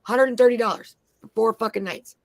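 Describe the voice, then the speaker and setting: A woman's voice: a little high, steady tone, a little fast, no room sound. A woman from Minnesota on a panel, telling blunt, heavily profane stories in casual chat. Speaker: panel guest.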